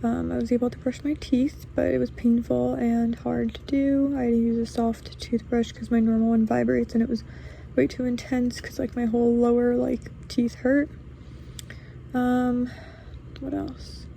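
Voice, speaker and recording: A woman's voice: a little high, flat delivery, moderate pace, vocal fry, dark tone, slight background noise. A young adult woman giving a casual vlog update, talking with a sore jaw that does not open fully. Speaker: vlogger. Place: bedroom at home.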